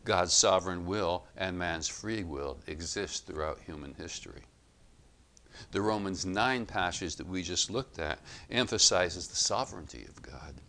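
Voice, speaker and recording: A man giving expository Bible teaching, reading passages aloud and explaining them in a measured, emphatic way. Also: low-pitched, animated, bright, forceful tone.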